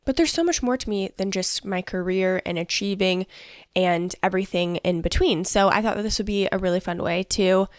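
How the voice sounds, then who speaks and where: A young woman hosts a casual solo podcast in a dry, studio-quality recording, her medium-pitched voice brisk and bubbly. Allergies leave her with a stuffy nose as she chats upbeat, leaning on fillers like "like" and "honestly".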